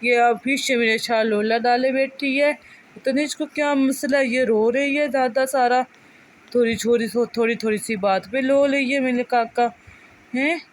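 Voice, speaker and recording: A woman's voice: on the high side, steady tone, moderate pace, slight background noise. A young mother, talking to her infant in cooing, sing-song baby talk.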